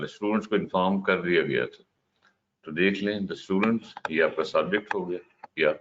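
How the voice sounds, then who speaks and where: A man's voice: low-pitched, a bit bright. A man teaching an English grammar lesson, explaining step by step and putting questions to his class. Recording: dull, slightly noisy lo-fi recording.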